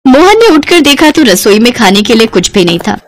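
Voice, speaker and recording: A woman narrating a scripted cartoon moral story in an expressive, dramatic way. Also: a little high, a little fast, a little hiss or hum.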